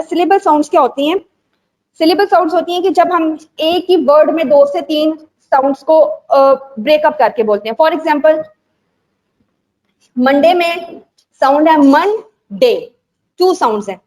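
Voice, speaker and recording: A woman with a notably high voice leads a teacher-training session, speaking patiently and slowly. She repeats and spells out examples and slips into English phrases as she explains. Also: low-quality recording. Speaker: teacher trainer and school owner. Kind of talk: instructional talk to teachers.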